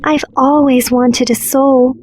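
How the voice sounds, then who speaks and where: Storybook mermaid girl voiced by a woman, young, high, slow and wondering. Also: level tone, slight background noise. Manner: soft, wondering questions. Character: gentle young mermaid girl, curious and hopeful.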